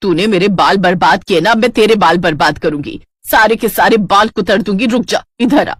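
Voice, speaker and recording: A woman voicing a sharp-tongued middle-aged mother-in-law in a storybook tale, scolding and vengeful. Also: medium pitch, moderate pace, breathy edge, no room sound, studio quality, close to an everyday voice. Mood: furious. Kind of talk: storybook character voice.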